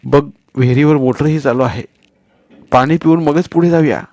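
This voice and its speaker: A man's voice: a little high, moderate pace, darkish tone, no room sound, pitched above the performer's own voice, natural voice. A man voicing a thirsty village boy who pleads with his friends. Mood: pleading.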